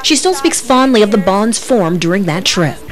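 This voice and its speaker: A woman's voice: medium pitch, lively intonation, normal speed. A woman TV reporter reading scripted narration for a news feature story. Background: loud music.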